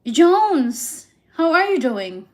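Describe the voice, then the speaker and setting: A Filipino woman, native in Visayan and Tagalog, runs a casual live stream where she answers viewer comments in faltering, frequently restarted English. Her voice is high and sing-song with a darkish tone.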